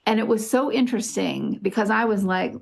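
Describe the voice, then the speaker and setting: Podcast host lady, bit of vocal fry, chatty and emotional. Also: mid-range voice, brisk. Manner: expressive, emotional storyteller, speaks to listeners. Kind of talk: casual chat.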